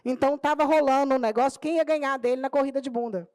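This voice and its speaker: A middle-aged Brazilian woman from Minas Gerais speaks on a panel as a teacher and tells her story with lively energy, acting out the voices of the people in it. Her voice sits high, and the sound is dry and close, with little room echo. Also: quick pace. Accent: Brazilian Portuguese, Minas Gerais. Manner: animated storyteller, acting out dialogue in her own telling. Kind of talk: storytelling talk at a public panel. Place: auditorium or conference room.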